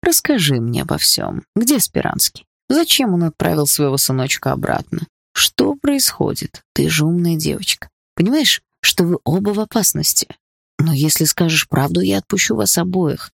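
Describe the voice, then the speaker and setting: A cruel, well-groomed villain who coaxes with a gentle fatherly tone and turns cold in a breath. His voice is gravelly and dry as a male narrator plays him, and it swings widely in pitch. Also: big pitch swings, normal speed, no echo, exaggerated voice. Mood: falsely gentle. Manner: mock-gentle, fatherly menace. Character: smooth cruel middle-aged stepfather villain.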